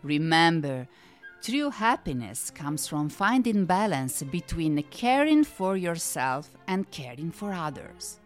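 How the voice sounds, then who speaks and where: A woman voicing a calm, mysterious genie. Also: low voice, takes it slowly, soft background music, exaggerated voice. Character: calm mysterious male genie, kindly wise.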